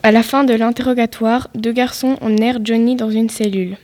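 A woman reading a story aloud in a steady, even way. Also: a little high, a little fast. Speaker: story reader.

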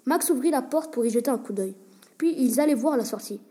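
A woman reading a short school story aloud in a plain, even way. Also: high-pitched, brisk. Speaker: story reader.

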